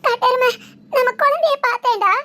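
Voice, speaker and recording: A woman's voice: very high-pitched, fairly quick, bright, forceful tone. A woman playing a young pregnant wife who is overjoyed and weepy, crying and laughing as she talks. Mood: joyful tears. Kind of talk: village family drama acting.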